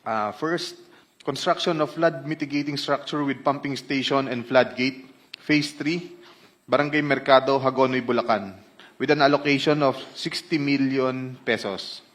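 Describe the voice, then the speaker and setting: A man of medium pitch with a Filipino accent reads formal testimony. He is a witness at a hearing, and his speech mixes Tagalog and English. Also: steady tone, moderate pace, a bit bright.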